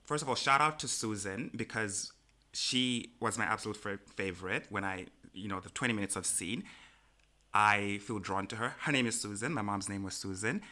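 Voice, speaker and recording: A man co-hosting a podcast in casual chat, who gets animated and jumps high in pitch when he quotes people. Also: normal speed. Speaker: podcast co-host.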